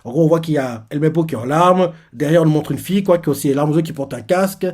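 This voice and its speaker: A man reads through a fresh comic chapter live for his channel, paraphrasing each scene loosely and wondering aloud about new characters. His voice sits a touch high for a man. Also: very fast, a little mellow. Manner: retells scenes loosely, many fillers and restarts, wonders aloud. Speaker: manga reaction video host.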